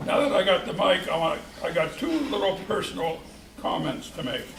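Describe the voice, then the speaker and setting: An older man with a slightly high voice tells unhurried, folksy stories about the early days of a church. He stumbles and restarts now and then as he recalls details. The sound is roomy and distant, with a lot of noise behind him. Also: sing-song, creaky. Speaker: charter church member. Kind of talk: reminiscing speech at a church event. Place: church hall. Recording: echoey hall, distant mic, noisy.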